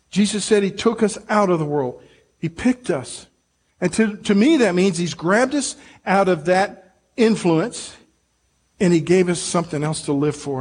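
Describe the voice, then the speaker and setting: Husky-voiced older male pastor preaching. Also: high-pitched. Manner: earnest, conversational preaching, addressing the congregation directly. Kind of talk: sermon.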